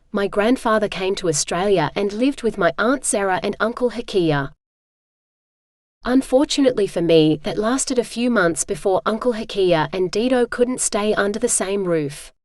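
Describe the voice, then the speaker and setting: A synthetic woman's voice giving steady, even first-person narration of an audiobook, recorded close. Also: medium pitch, no room sound. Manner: even, steady text-to-speech reading.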